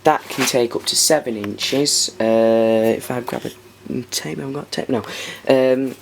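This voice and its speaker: A British hobbyist with a medium-pitched, steady voice gives an informal, hands-on show-and-tell of restored vintage tape machines, speaking haltingly as he thinks aloud. The home camera recording has noticeable background noise and clicks.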